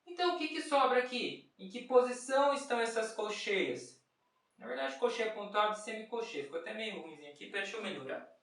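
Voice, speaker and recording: A patient music teacher breaks down rhythms bar by bar in a step-by-step lesson, asking questions and then answering them himself while chanting short rhythm syllables. The voice is mid-pitched, expressive, brisk and fairly bright. It's captured by a distant mic in a very echoey room.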